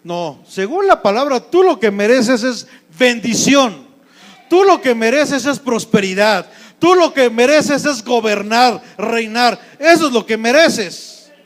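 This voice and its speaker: A man's voice: very high voice, expressive, slow. A male pastor with a Mexico City Spanish accent, preaching a sermon in a conversational way and often asking the congregation questions. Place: church.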